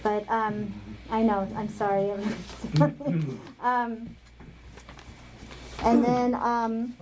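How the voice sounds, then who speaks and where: A woman on a village council presenting survey results at a meeting, speaking with frequent ums and pauses. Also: a little high, little pitch movement. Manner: hesitant, many ums, light laughs. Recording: faint noise, online meeting audio.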